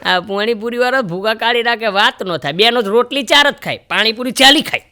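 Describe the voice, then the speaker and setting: A man's voice: very high voice, fairly quick, noisy background. A man telling stand-up jokes on stage and acting out each character's lines. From Gujarat, India. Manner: animated storyteller who acts out each character's lines. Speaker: stand-up comedian. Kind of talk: Gujarati stand-up joke telling. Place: stage in front of a live audience.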